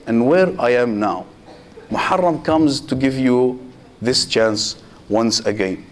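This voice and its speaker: A sheikh delivers a Muharram sermon in a mid-range male voice, using short, measured phrases with pauses. He speaks straight to his listeners, asks rhetorical questions, and scatters Arabic religious phrases through his English.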